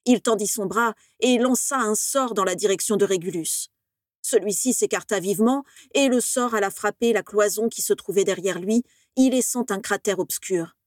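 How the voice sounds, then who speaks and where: A woman narrating a fan fiction story in a steady, even storytelling voice. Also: mid-range voice, moderate pace, no room sound, clean studio sound. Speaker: reader.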